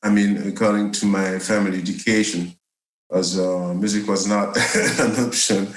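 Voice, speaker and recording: A jazz bass player from Cameroon, guesting on a podcast, tells his story in a casual interview chat, speaking at a moderate pace in a lowish, steady voice. He hesitates often, using lots of fillers and laughing. The echoey room recording carries a slight hiss or hum.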